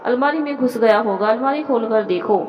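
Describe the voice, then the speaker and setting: A woman voicing a bossy, scheming older woman of the house who talks in a sharp, mocking, commanding way. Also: a little high, a little fast, roomy sound, in a large hall, dull audio, natural voice. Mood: scolding.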